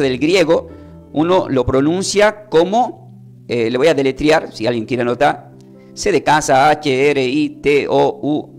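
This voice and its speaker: A man teaching a Bible lesson, slowly spelling out and repeating words for his listeners. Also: medium pitch. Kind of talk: sermon.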